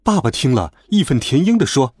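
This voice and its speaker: A man narrating a children's audiobook in a playful, lively storytelling manner. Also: medium pitch, brisk, breathy edge, soft background music.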